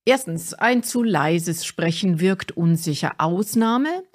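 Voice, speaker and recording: A middle-aged woman with a fairly low voice explains good speaking habits in a scripted podcast lesson. Her delivery is clear, deliberate and instructive, like a speaking coach teaching. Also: lively intonation.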